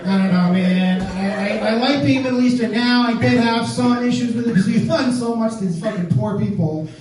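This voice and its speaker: Working a club stage, a Staten Island, New York comedian delivers a profane stand-up set, riffing and quizzing the crowd. His voice is high and brisk, caught by a distant mic in an echoey room as the audience laughs.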